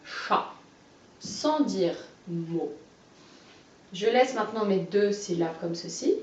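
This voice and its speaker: A woman teaches a young child phonics, stressing each syllable slowly and clearly and cheering the child on. Her voice sounds far from the mic in a roomy space. The recording is dull and muffled. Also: mid-range voice, lively intonation, darkish tone, a little hiss or hum. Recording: roomy, distant, muffled home video.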